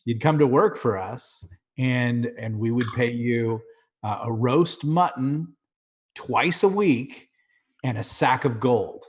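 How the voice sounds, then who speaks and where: A man's voice: medium pitch, slow. A man in casual role-play banter as a player in a tabletop game.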